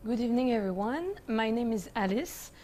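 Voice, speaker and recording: A woman, a law student introducing herself briskly. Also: on the high side, animated, warm tone. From Paris, France. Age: 20s. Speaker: panel guest, law student.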